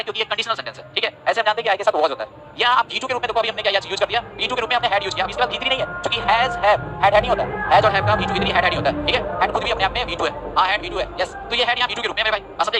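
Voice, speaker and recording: A man teaching English grammar in a live online class. He reads out viewers' comments, repeats phrases again and again, and keeps checking whether his students understand. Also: rough recording. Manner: repeats phrases, asks "samajh rahe ho" often; drops to a low, soft voice when apologizing. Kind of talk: live-streamed class, reading chat comments.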